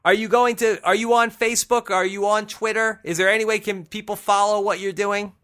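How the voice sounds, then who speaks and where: Bright-voiced joking male podcast host. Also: sits high, fairly even intonation, a little fast. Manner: laughs often, loose and joking. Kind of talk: casual podcast chat.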